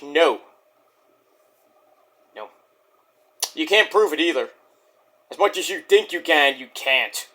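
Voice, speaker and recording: Fairly high and fairly bright, this middle-aged Brooklyn man's voice carries a bragging, meandering wrestling review. It's casual talk, full of false starts and filler words.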